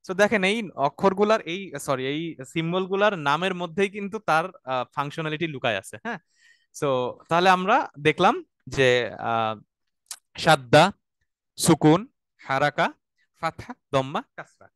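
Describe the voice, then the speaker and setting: A man with a Bangladeshi accent teaches an online Quranic Arabic class. His voice sits high and sounds smooth and clear. The recording is close and dry, with no room sound. He explains patiently and keeps checking that his students follow. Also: animated, a bit bright, dry recording. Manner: explains slowly, often asks "right?", has students repeat verses.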